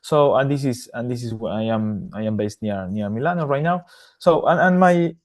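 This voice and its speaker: Halting man from Argentina, mid pitch. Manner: halting, many repeated words and restarts. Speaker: podcast guest, AI governance consultant. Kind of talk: casual interview answers.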